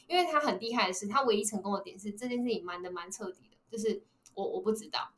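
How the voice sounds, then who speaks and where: A young adult woman, hosting a casual podcast chat and telling a story, acting out what people said. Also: mid-range voice. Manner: fast animated storytelling, acting out quotes. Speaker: podcast host.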